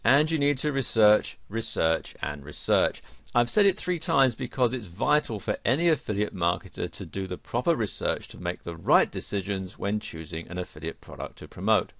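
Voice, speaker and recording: A man reading a scripted instructional narration for an online course, with a lively, emphatic delivery. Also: fairly low pitch, moderate pace, creaky, hardly any pauses, dry recording.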